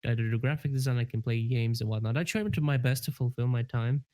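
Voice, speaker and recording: A man's voice: medium pitch, quick pace, mellow, no echo. A man co-hosting a podcast in casual chat, rambling with fillers and laughing often. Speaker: podcast co-host.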